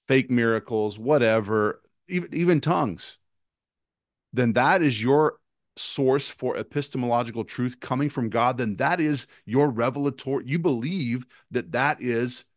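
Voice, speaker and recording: A man co-hosting a casual talk about doctrine, speaking with emphatic stress that climbs as he runs through lists. His voice sits in an ordinary middle range, and it sounds dry and close to the mic with no room echo. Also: mid-range voice. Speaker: podcast co-host. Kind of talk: casual theological discussion.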